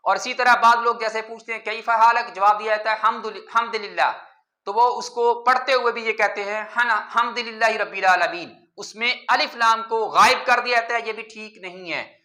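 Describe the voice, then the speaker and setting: A man teaching a Quran pronunciation lesson, patiently repeating words slowly to contrast right and wrong recitation. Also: high voice, steady tone, sharp tone, echoey room.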